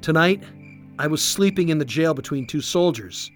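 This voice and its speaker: A storyteller voicing a calm, earnest man telling of his escape in a children's storybook. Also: on the high side, normal speed, faint music behind, lightly acted. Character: calm male apostle, gentle and earnest.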